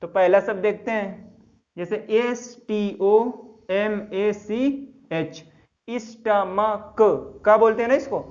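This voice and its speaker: A man teaches a grammar lesson at an unhurried, deliberate pace. He spells out each word letter by letter and keeps quizzing the class. The recording is dull and lo-fi. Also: high voice. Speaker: English teacher. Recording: dull lo-fi sound.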